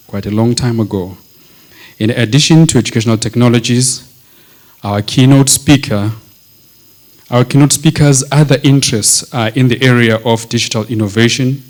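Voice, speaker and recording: A man's voice: medium pitch, a little mellow. A man hosting an event, formally introducing the keynote speaker and building up to the name.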